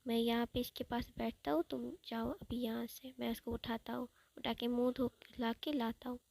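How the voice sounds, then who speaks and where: A woman's voice: on the high side, flat delivery, normal speed, vocal fry, darkish tone, no echo. A woman voicing an older grandmother who scolds with love and fusses over her grandson. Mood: fond. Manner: fussing, chiding.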